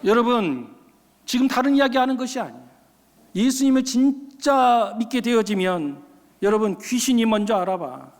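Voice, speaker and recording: A man's voice: extremely high pitch, very animated, normal speed. A male pastor preaching a sermon in a church, telling stories in an emphatic, folksy way and slipping into casual speech. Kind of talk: sermon with storytelling. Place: church sanctuary. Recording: long reverb of a church hall.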